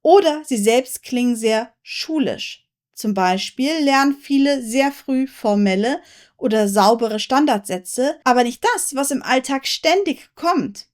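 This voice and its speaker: A woman hosting a language lesson, speaking calmly and plainly so learners can follow every word. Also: high-pitched. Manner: calm, patient, speaks slowly and plainly for learners. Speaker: German teacher, channel host. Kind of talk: slow, clear teaching monologue to camera.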